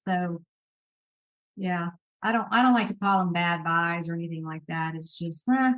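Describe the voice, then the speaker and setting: A woman's voice: fairly low pitch, flat delivery, moderate pace, fairly bright tone, rough recording. A woman hosting a podcast, chatting casually and reassuringly about reselling, thinking aloud with fillers. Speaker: podcast host.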